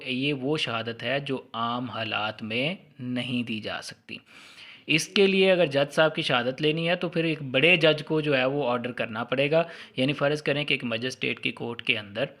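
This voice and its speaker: This law lecturer, a man with a Pakistani accent, speaks at normal speed in a mid-range, slightly bright voice. The lecture is informal and explanatory, and he teaches didactically, going over key points again and slipping in English terms.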